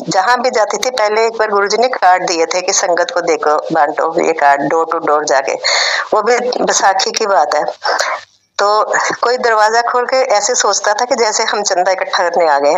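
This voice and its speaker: A woman's voice: medium pitch, a little hiss or hum, poor audio. A middle-aged woman tells a devotional testimony in a conversational, emotional way, acting out family dialogue. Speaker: devotee sharing a satsang testimony.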